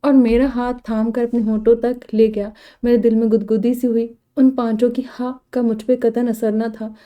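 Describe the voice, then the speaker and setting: A woman's voice: a little high, normal speed. Woman reading a comedy novel aloud. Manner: lively first-person storytelling. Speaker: novel reader. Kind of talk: scripted audiobook narration of a comedy novel.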